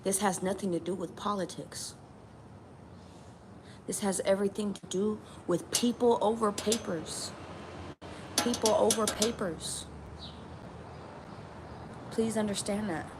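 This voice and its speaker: A woman's voice: mid-range voice, measured pace, long pauses. A woman from New Mexico speaking out in a casual vlog, emphatic and repetitive, swearing now and then. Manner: emphatic, repeats lines, swears. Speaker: tarot channel vlogger. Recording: steady background ambience noise.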